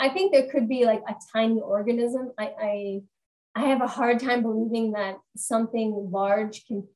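A woman co-hosting a casual podcast chat about a film, talking in an animated, chatty way. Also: fairly high pitch, rough recording. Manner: chatty, animated, laughs often. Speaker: podcast co-host. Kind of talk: casual movie discussion.

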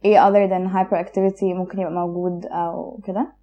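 A woman's voice: lowish voice, level tone, brisk, lo-fi sound, faint music behind. A woman with an Egyptian Arabic accent, explaining things casually as an expert guest and switching between Arabic and English. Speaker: guest expert, child psychologist.

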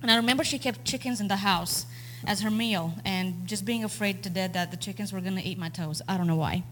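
A woman's voice: medium pitch, brisk, fairly bright tone, slight background noise. A young woman from Romania with a Romanian accent, giving a personal testimony as a guest speaker, earnest and storytelling with frequent ums.

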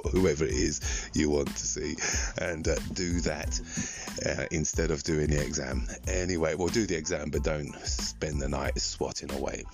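An older man reminisces in a solo monologue. His voice is exceptionally low with a heavy creak, and he goes reflectively and haltingly, echoing his own phrases for emphasis. Music sits behind him. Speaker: podcast host. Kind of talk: personal storytelling monologue.

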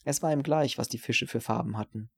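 A man reading a novel aloud as an audiobook narrator, in a measured, even storytelling voice. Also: mid-range voice, creaky, husky.

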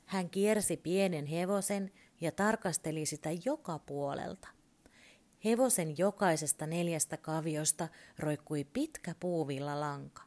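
A woman with a low voice reads a children's story aloud. She reads at a calm, steady pace and with plenty of expression.

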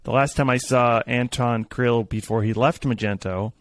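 A man's voice: mid-range voice, steady tone, moderate pace. A man in casual tech discussion, rambling with fillers and restarts and a dry sarcastic streak.

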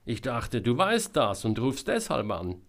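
A dry, matter-of-fact young woman reporter, calm and a little annoyed, as a man reading a story puts her on. The delivery is unhurried, with a lively rise and fall. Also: medium pitch, heavily acted.

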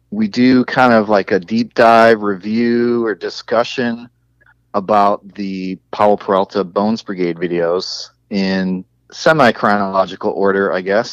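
Low-voiced man in his forties, casual. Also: dry recording, lo-fi sound. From western New York. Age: 40s. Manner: easygoing, halting, with frequent fillers. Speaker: podcast co-host and guest. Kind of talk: casual podcast chat.

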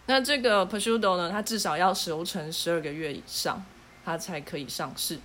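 A woman's voice: on the low side, normal speed, fairly bright tone, a little hiss or hum. A woman hosting a casual podcast, explaining foods in a playful, teasing way. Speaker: podcast host.

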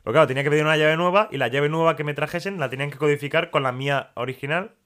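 Fast-talking Spanish man telling a story. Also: a little high, a bit bright. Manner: rapid storytelling with quoted dialogue. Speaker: podcast co-host. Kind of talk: casual chat, telling an anecdote.

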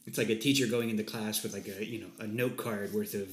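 A man co-hosting a casual religious chat podcast, teasing his partner in a dry, deadpan way. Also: on the low side, quick pace. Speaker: podcast co-host. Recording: echoey room.

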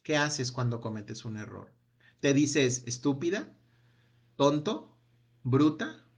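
Leading a self-help workshop, this man speaks slowly in a sing-song, mid-range voice. He asks question after gentle, reflective question, each trailing off with a quiet "no?".

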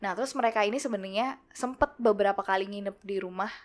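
A woman's voice: mid-range voice, quick pace. Young woman telling a ghost story. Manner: animated, acts out quoted voices. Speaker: guest storyteller.

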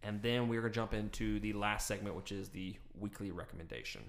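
A man co-hosting a casual podcast, swearing often and laughing loudly between his stories. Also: fairly low pitch, brisk, vocal fry. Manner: profane, laughing, loud outbursts. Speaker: podcast co-host. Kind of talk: casual chat.

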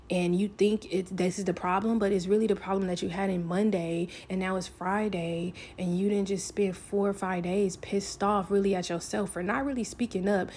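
A woman's voice: mid-range voice, darkish tone, slight background noise. Frank, candid woman telling a story. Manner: casual, frank, swears freely, fills with "like". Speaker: vlogger telling a personal story.

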